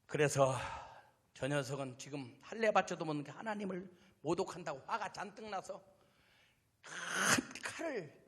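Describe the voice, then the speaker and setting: A man pastor preaching a revival sermon, dramatic, swinging from quiet murmurs to shouts. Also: sits high, moderate pace, husky. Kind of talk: revival sermon with acted story. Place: large church hall. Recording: long hall reverb.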